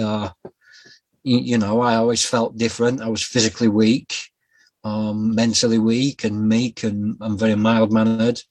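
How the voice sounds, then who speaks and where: A man's voice: mid-range voice, no room sound. Reflective man, dry sound. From Yorkshire, England. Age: 40s. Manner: reflective, halting with fillers and restarts. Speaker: guest author. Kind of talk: personal storytelling interview.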